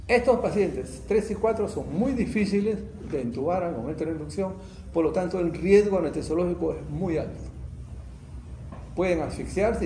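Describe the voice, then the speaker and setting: A man's voice: sits high, dark tone. Middle-aged man lecturing in an echoey room. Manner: keeps asking ¿no? and ¿no es cierto? to check on students. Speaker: anesthesiology lecturer. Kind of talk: classroom lecture. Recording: echoey classroom with faint background noise.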